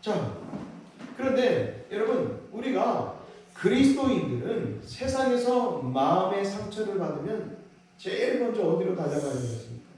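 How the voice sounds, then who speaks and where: A man's voice: high-pitched, big pitch swings, moderate pace, darkish tone. A middle-aged male pastor preaching a sermon, telling a childhood story and asking the congregation rhetorical questions. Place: church sanctuary. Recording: very echoey church hall from a distance, faint noise.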